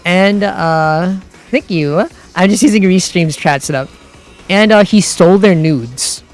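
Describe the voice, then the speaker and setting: Rambling man streamer, fairly high voice. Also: a little slow, faint music behind. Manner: rambling, lots of "like" and restarts; grows heated and exasperated. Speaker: livestream host. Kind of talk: casual chat with stream viewers.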